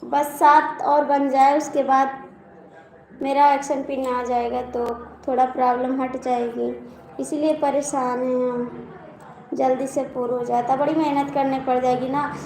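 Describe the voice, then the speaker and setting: A woman's voice: high-pitched, level tone, a little slow, darkish tone. A woman with an Awadhi accent hosting a casual live stream, chatting with viewers, teasing them and reading out their comments. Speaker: live-stream host and folk singer. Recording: echoey room with faint background noise.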